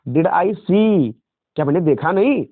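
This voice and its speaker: A male English teacher explaining a story line by line, reading each English phrase slowly and repeating it in Hindi, and calling his students "beta". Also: sits high, lively intonation, dry recording. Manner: calls students "beta" and "friends". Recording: tinny phone-like audio, dry.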